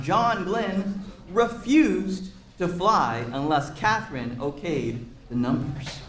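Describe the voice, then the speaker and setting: A man with a high, fairly bright voice reads a picture book aloud to a group of children in a roomy indoor space, encouraging them and breaking off to explain words and ask questions. The echoey room colors the recording.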